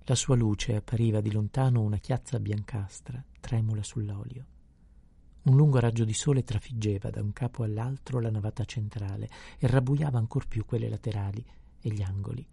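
A man narrating a classic novel in a measured, descriptive audiobook reading. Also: lowish voice, steady tone, vocal fry, mellow, slightly rough.

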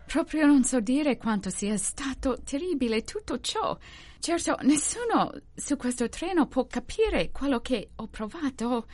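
A high, swooping voice full of alarm: a woman acting out a talkative middle-aged American lady who dramatizes everything. Her pitch leaps wildly from line to line, in an audiobook reading. The sound is close and dry. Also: expressive, measured pace, darkish tone, no echo. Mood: self-pitying. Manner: shrill, dramatic, self-pitying. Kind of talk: audiobook character voice.

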